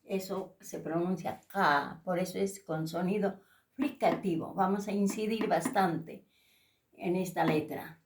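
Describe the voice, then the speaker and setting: A woman teaching a language lesson, pronouncing words and their translations slowly and repeating each one with care. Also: on the low side, reverberant, distant mic, noisy background. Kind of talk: slow pronunciation lesson.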